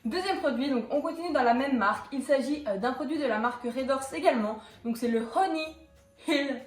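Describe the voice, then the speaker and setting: A woman's voice: high-pitched, quick pace, reverberant, soft background music. A young woman chatting through a casual product review vlog, filling her talk with small hesitations and restarts. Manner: chatty, many fillers and restarts. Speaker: equestrian vlogger.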